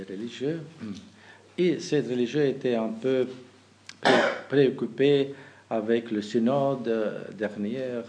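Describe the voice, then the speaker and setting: A man from Kazakhstan, a bishop, speaking as a to the faithful, halting with many restarts and fillers. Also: medium pitch, a little mellow. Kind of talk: talk to the faithful.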